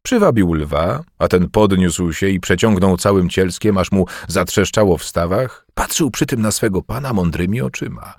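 Male audiobook narrator, low voice, animated intonation, dry close recording. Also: moderate pace, creaky, few pauses, no echo. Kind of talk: expressive first-person audiobook reading.

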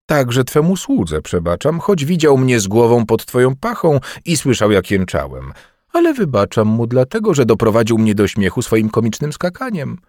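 A man's voice: mid-range voice, wildly swooping pitch, moderate pace, darkish tone, no echo, studio quality, voice pushed up. A man reading aloud, voicing a proud young king with a haughty, imperious manner. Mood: pardoning. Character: proud young male king in pain, arrogant.

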